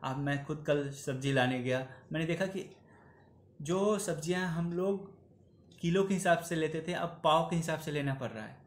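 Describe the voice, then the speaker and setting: A man's voice: a little high, moderate pace, reverberant. A man in his thirties giving an earnest opinion commentary to camera in a small room, pleading and slipping into English phrases. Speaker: vlogger.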